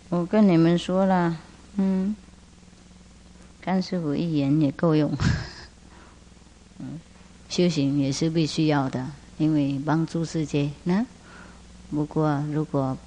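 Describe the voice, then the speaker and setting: A woman's voice: low voice, dark tone, slight background noise. A woman spiritual master giving a Buddhist teaching talk, laughing often and asking rhetorical questions. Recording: long hall reverb.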